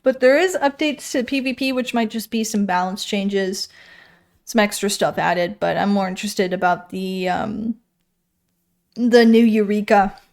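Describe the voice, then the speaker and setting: A woman streaming, chatting her way through game patch notes. She talks at an unhurried pace and in a mid-range voice, rambling, trailing off and correcting herself as she thinks aloud. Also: medium pitch, darkish tone. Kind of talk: casual stream chat reading patch notes.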